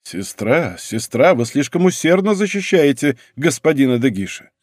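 A man's voice: mid-range voice, very animated, moderate pace, a little mellow, no room sound, studio quality. A man voicing an earnest young king in an audiobook, soothing and coaxing. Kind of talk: audiobook character reading.

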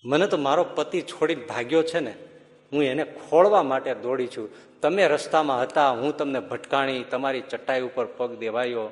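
A man's voice: medium pitch, moderate pace, big-room sound, natural voice. A man voicing a distraught woman who speaks in a pleading, apologetic way. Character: distraught woman searching for her runaway husband.

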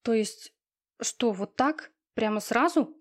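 A woman voicing a timid, hurt young woman in an audiobook, speaking softly and pleadingly. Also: a little high, takes it slowly. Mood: anxious. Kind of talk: audiobook reading.

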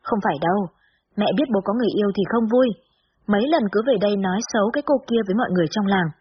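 A woman's voice: mid-range voice, rapid-fire, dull audio, slight background noise, natural voice. A woman voicing a young girl, a worried little sister, explaining earnestly in a storybook reading.

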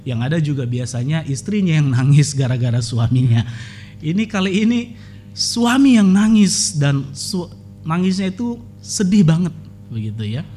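A man's voice: fairly high pitch, expressive, normal speed, warm tone, faint music behind. A man preaching a sermon as pastor, telling a story and then building to emphatic exhortation.

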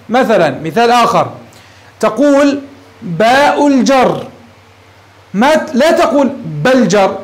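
A man teaching an Arabic grammar lesson, asking his class questions and answering them himself, calling his listeners dear ones. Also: high voice. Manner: mixes formal Arabic with colloquial asides.

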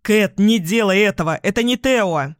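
A desperate young man, loud and urgent, then pleading and defensive. An audiobook narrator acts him out. Close, dry sound. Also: mid-range voice, normal speed, no echo, lightly acted. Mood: alarmed.

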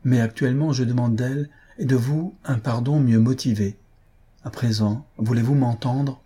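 A man reading an audiobook, voicing an impetuous, remorseful young gentleman who speaks in an impassioned, earnest and pleading way. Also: medium pitch, fairly even intonation, moderate pace, breathy edge, voice pushed up, lightly acted. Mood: vehement.

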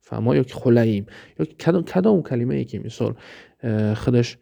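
A male teacher with a Tajik accent talks through a grammar lesson, going over each step with patient repetition and frequent checks that his listeners are following. His voice is gravelly and mellow, and his pitch sits in the middle. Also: animated. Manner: explains slowly, often asks "understood?" and repeats words. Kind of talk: recorded lesson.

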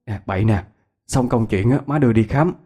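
A man's voice: mid-range voice, fairly quick, warm tone, breathy edge, close to an everyday voice. A man voicing a worried rural mother who stammers as she comforts her child. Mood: soothing.

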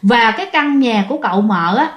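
Lady telling a ghost story, chatty, kinda high voice, roomy echo. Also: expressive, a little fast. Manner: chatty, addresses listeners directly. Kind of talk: storytelling audio narration.

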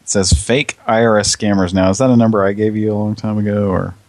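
A man hosts a live show and chats loosely, rambling with plenty of fillers and casual swearing. His voice is very low. The sound is dry and close. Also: steady tone, quick pace, no room sound. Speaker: podcast host. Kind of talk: casual chat.

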